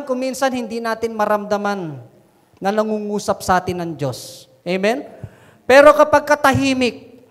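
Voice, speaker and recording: A man with a Filipino accent preaching a sermon as pastor, emphatic and repeating his phrases. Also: high-pitched. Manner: emphatic, repeats phrases, calls listeners "kapatid". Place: church hall. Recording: long hall reverb.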